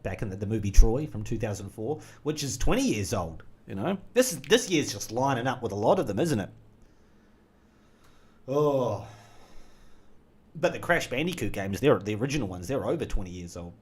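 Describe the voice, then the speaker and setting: A man's voice: lowish voice, expressive, normal speed. A man chatting casually while gaming, rambling off on jokey tangents. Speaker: gaming streamer.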